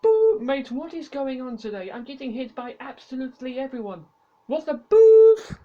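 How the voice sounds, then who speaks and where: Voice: sits high, a little fast, narrow, tinny audio, voice pushed up, natural voice. A commentator voicing exasperated, unlucky racing drivers who exclaim and complain in a whiny, blokey way. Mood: indignant, frustrated. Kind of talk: acted driver outbursts.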